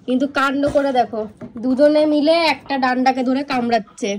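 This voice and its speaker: A woman vlogging casually from her home, chatting directly to her viewers. Her voice sits fairly high, and she sometimes drops to a hushed tone. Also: fairly even intonation, a little fast, slight background noise. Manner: chatty, addresses viewers directly, drops to hushed talk near sleeping pets. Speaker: vlogger and pet owner. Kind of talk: casual home vlog chat. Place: home indoors.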